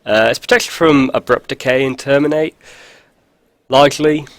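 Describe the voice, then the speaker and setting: Sniffly and congested from a head cold, a video host rambles through a casual card-game walkthrough at an everyday pitch and normal speed, full of ums and dry asides. The close, dry recording has no echo and little room sound.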